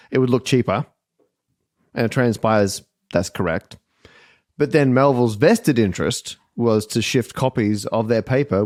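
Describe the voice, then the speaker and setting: A man hosting a podcast quiz game, with a wry, explanatory delivery. His voice sits at a middle pitch. The recording is dry and close. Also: a little mellow, no echo. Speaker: quiz host.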